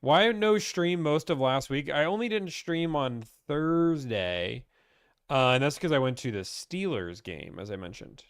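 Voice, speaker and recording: A man's voice: fairly high pitch, lively intonation, a little slow, clear, resonant tone, no room sound, clean studio sound. A young man from Pittsburgh, chatting casually as he reads and answers viewer questions about car buying on a live stream.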